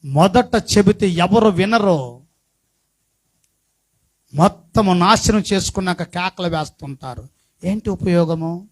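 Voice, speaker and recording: A middle-aged pastor delivers a sermon in a high-pitched male voice. He poses questions to the congregation and swings from soft, conversational asides to loud, shouted passages. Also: slow pace, long pauses. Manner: swings from quiet talk to shouted preaching.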